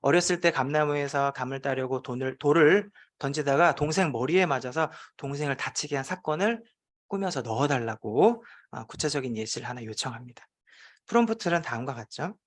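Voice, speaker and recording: A man's voice: mid-range voice, expressive, a little fast. A man, a teacher presenting at a forum, telling a playful classroom story with frequent hesitation fillers.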